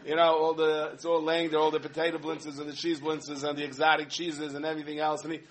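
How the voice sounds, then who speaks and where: A man delivers a humorous sermon. He tells stories in an animated way, full of asides. His voice sits a little higher than most men's. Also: fast, slight background noise. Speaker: rabbi giving a talk.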